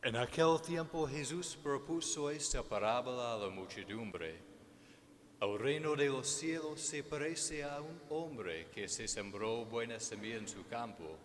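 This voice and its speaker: Male celebrant, mid-pitched, formal and very measured liturgical reader; big echoing cathedral sound. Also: expressive. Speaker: priest celebrant. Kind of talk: solemn liturgical Gospel reading. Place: large church during Mass. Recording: echoey church, long reverb, faint noise.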